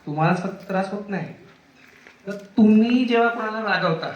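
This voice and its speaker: Here the Marathi-accented psychiatrist from India teaches young schoolchildren in a high voice at a fairly quick pace, with lo-fi sound. He keeps asking them questions and acting out children's voices amid classroom echo and kids' chatter.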